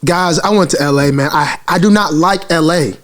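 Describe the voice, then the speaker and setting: A man from Alabama, co-hosting a podcast in animated, joking banter. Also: a little high, normal speed. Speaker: podcast co-host. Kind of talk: casual chat.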